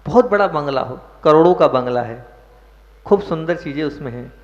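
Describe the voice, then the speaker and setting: A man's voice: fairly high pitch, lively intonation, a little fast. Male monk preaching in an echoing hall. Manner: questions the listeners and stresses words for emphasis. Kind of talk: sermon. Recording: dull echoey hall recording.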